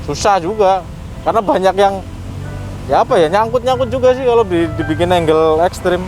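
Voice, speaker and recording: A man's voice: high voice, animated, a little fast, poor audio. A man talking casually and informally as he explains car audio like an experienced hand. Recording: loud music under the talk.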